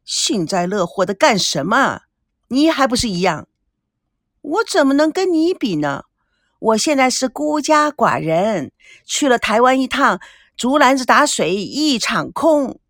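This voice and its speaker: A woman voicing a flustered, quick-tempered young woman who scolds sharply, with a lively delivery in a dry recording. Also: on the high side, no echo, full character voice. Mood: scolding.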